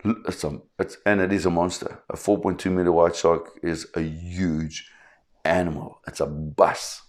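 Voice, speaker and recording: South african guy in his 50s, real low voice, explains sharks all emphatic and lively. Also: normal speed. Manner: emphatic, animated storyteller who acts out quotes. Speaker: shark expert presenter. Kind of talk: explanatory talk to camera.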